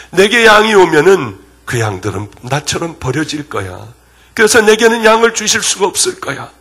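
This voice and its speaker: Middle-aged male pastor, husky and bright-toned, emotional revival preaching with a lively, rising-and-falling pitch. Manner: emotional storytelling, swinging from loud to hushed. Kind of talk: sermon. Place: revival meeting hall.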